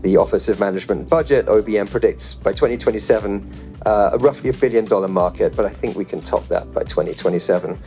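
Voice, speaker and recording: A man moderating a panel in front of a live audience, chatty and relaxed, reading statistics off his phone with light jokes. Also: fairly low pitch, fast, soft background music.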